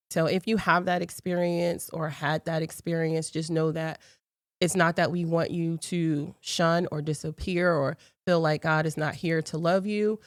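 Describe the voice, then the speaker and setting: A woman's voice: low voice, dry recording, studio quality. A woman, chatting casually and speaking straight to her viewers. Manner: chatty, addresses viewers directly. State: congested. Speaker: talk show host. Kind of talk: casual talk show intro.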